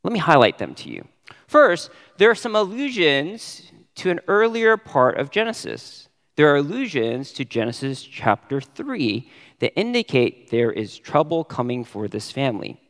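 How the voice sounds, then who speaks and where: A man preaching a sermon as pastor, stressing key words with sudden rises in pitch. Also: sing-song, normal speed, fairly bright tone, in a large hall.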